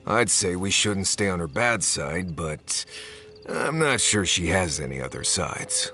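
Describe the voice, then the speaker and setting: An actor playing a bitter, sarcastic adventurer companion in a fantasy video game, lashing out in scornful tirades. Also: male voice, sits low, sing-song, measured pace, sharp tone, soft background music, exaggerated voice. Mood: wry. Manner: scornful, heated outbursts.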